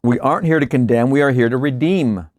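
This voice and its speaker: A man's voice: medium pitch, no echo. Man reading spiritual lectures, dry sound. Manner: measured, deliberate reading broken by relaxed asides and chuckles. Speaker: host reading and explaining lectures. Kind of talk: reading aloud with casual commentary.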